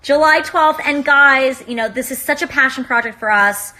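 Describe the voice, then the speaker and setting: A woman hosting a casual livestream on a phone, bubbly and excited as she chats with viewers. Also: high-pitched, moderate pace. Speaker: livestream host.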